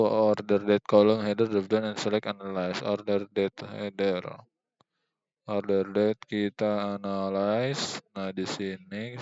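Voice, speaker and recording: Young male student, screen-tutorial narrator, smooth clear tone, slow hesitant thinking-aloud delivery. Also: lowish voice, darkish tone, dry recording, dull audio. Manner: hesitant, many fillers, thinking aloud while clicking. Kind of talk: screen-recorded software tutorial.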